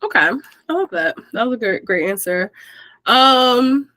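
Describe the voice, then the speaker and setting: A woman's voice: on the high side, very animated, unhurried, sharp tone, no room sound. Chatty woman hosting a video call. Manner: chatty, says "like" often, laughs easily. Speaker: host of an officiant meetup. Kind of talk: casual group video call chat.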